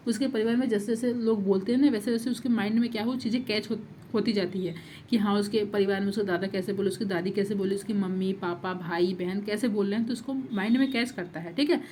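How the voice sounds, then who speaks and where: A woman's voice: mid-range voice, steady tone, quick pace, dark tone, a little hiss or hum. A woman teacher giving an exam-prep lecture, repeating points and asking rhetorical questions. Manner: repetitive, rhetorical questions, frequent 'thik hai'.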